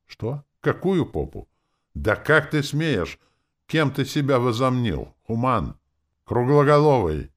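A man voicing an arrogant young female elf princess with a shrill, indignant manner in an audiobook. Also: big pitch swings, measured pace. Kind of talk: audiobook character voice.

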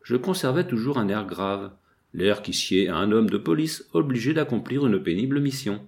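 A man narrating a classic novel in a measured, expressive reading. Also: lowish voice. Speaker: audiobook narrator. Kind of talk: literary audiobook narration.

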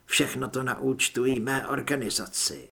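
A man voicing a cold, smiling male government official who speaks politely and with quiet menace, in a husky voice. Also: medium pitch, lively intonation, full character voice.

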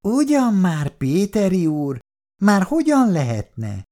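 An elderly housewife in a 1960s radio play, stubborn but dreamy, voice leaps up high when she insists. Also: wildly swooping pitch, dark tone. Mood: surprised. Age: older. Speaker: Mrs. Szabó. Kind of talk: 1960s radio drama acting.

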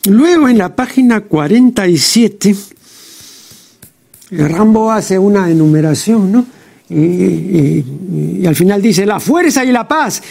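A man with a high voice and a gravelly rasp delivers studio commentary for a TV program. He is deliberate and pedantic as he lists error after error. He keeps checking in with his listener through short questioning tags. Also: a little mellow. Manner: deliberate and pedantic, with frequent "¿no?" and "pues". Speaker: TV program host. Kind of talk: studio commentary critiquing a translation. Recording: TV program audio.

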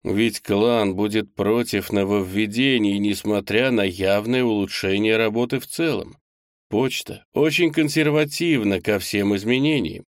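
A man's voice: fairly low pitch, a little slow, no room sound, clean studio sound, natural voice. A man voicing a polite, deferential young male clerk in an audiobook, speaking formally and earnestly. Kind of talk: audiobook character voice.

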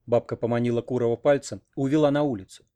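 A man reading a novel aloud in a steady, even storytelling manner. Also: medium pitch, fast talker. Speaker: audiobook reader. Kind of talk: literary narration.

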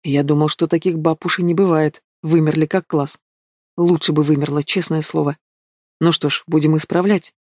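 A cold, menacing young man full of cynical mockery, as a male narrator puts him on. He talks in a slightly high, clipped voice, close and dry with no room around it. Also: steady tone, normal speed, darkish tone, no echo, natural voice. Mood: mocking, threatening. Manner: cold, mocking, threatening.

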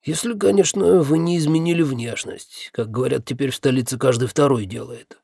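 A man voicing an invisible, grumpy man, a hoarse disembodied voice speaking from empty air in an audiobook. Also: medium pitch, brisk, a little mellow, dry recording, clean studio sound. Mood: guarded. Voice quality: hoarse, gravelly. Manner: indignant then guarded, mutters. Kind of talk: audiobook character voice.

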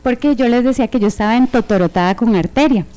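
A Costa Rican woman co-hosting a radio show, enthusiastic, quoting local slang with lively voices. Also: a little high, quick pace.

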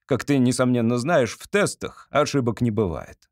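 A man's voice: mid-range voice, expressive, normal speed, darkish tone, no room sound, lightly acted. A bossy judge who barks orders and lectures his examinee, put on by a man reading a comic audiobook. The voice is raised and commanding, close and dry. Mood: stern. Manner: barking orders. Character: stern barking male court chairman.

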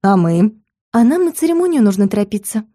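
A woman's voice: mid-range voice, big pitch swings, a little fast, dark tone, dry recording, studio quality. A woman voicing a hissing menacing count. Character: insistent male count, menacing.

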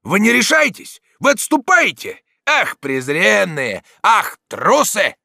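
Defiant wounded young nobleman, proud and shouting, voiced high and loud by a male narrator. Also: lively intonation, normal speed, no echo, studio quality, close to an everyday voice.

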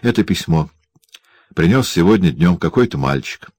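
A man's voice: low-pitched, animated, normal speed, a little mellow, slightly rough, no echo. A man voicing a meek, frightened wife who pleads timidly in an audiobook. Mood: pleading. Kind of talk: audiobook character voice.

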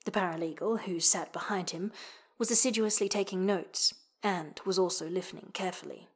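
A woman reading a novel aloud as the narrator, in steady storytelling narration that drops low and hushed at phrase ends. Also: a little fast, slightly rough. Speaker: audiobook narrator. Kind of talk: scripted narration.

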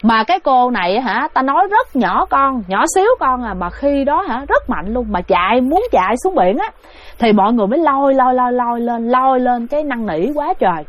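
A woman's voice: fairly high pitch, sing-song, fairly quick. A woman casually telling a ghost story, chatting directly to her listeners. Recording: dull, dry recording.

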